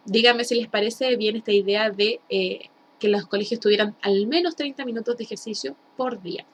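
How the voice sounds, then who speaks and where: A woman with a Chilean Spanish accent teaching English in a recorded lesson, explaining slowly and having students repeat words. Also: mid-range voice, slight background noise.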